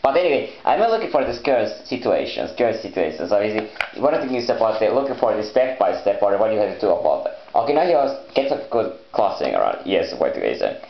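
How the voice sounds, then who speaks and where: Male vlogger, non-native English, lowish voice; halting, repetitive solo rambling, dull roomy recording. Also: very animated, a little hiss or hum. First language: not English. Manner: halting, repetitive, with loose broken phrasing. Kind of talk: rambling unscripted solo vlog talk. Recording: echoey room, dull muffled sound.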